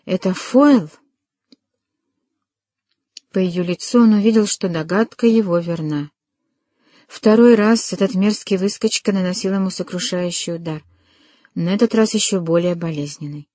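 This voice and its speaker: A woman with a low, dark, mellow voice reads a novel aloud in a measured, dramatic way. The recording is dry and close, made at a studio mic. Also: no room sound. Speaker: audiobook narrator. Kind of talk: scripted literary narration.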